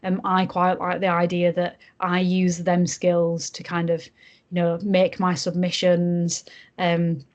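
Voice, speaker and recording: A young woman with a broad Yorkshire accent, explaining things in a casual podcast interview with frequent ums and pauses. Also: on the low side, monotone, darkish tone, lo-fi sound. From Yorkshire, England. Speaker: junior barrister, podcast guest.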